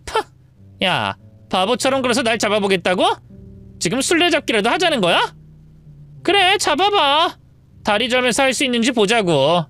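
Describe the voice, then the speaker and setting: A woman's voice: a little high, animated, moderate pace, a bit bright, soft background music, voice pushed up. A woman doing a smug taunting mistress. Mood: teasing. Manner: taunting, gloating. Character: mocking young mistress, spiteful and smug.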